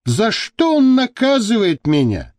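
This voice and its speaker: A man's voice: sits high, huge pitch swings, measured pace, no echo, voice pushed up, full character voice. A man reading the part of a pious, self-pitying Chechen kidnapper guard who wails and pleads. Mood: wailing.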